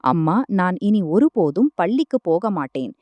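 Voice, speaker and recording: A woman's voice: lowish voice, sing-song, moderate pace, dark tone, no room sound. A woman voicing a frightened, tearful teenage schoolgirl in a storybook reading. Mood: distraught. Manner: crying, pleading.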